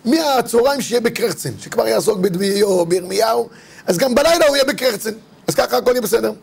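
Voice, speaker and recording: A man with a high voice, gravelly and husky, leads a religious lesson. He tells stories as he teaches and acts out each character's lines. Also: expressive. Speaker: rabbi teaching religious law.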